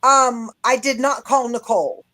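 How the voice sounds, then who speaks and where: Unhurried woman with a higher voice. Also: steady tone, sharp tone, dry recording. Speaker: livestream co-host. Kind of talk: casual livestream chat.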